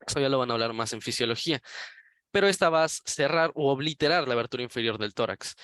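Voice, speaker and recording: A man's voice: medium pitch, fairly bright tone, no room sound. A man teaching an anatomy class, explaining step by step while pointing at images. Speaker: anatomy lecturer. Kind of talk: recorded anatomy lecture.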